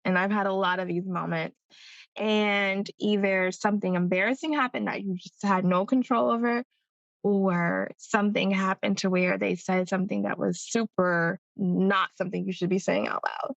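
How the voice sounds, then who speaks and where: Female podcast host, upbeat and chatty, slight vocal fry, dry close sound. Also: medium pitch, steady tone, normal speed, dry recording, lo-fi sound. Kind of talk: casual interview chat.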